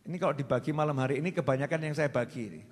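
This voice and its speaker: A man preaching a lively sermon with a Javanese accent, quizzing his congregation with questions. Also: fairly high pitch, very fast. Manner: animated, quizzes the audience with questions. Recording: long hall reverb.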